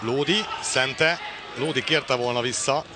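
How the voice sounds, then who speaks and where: A man giving excited live futsal commentary with wry, joking asides. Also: mid-range voice. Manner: excited, shouting as attacks build. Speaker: sports commentator. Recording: loud crowd and hall noise. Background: crowd, ball bounces, slams.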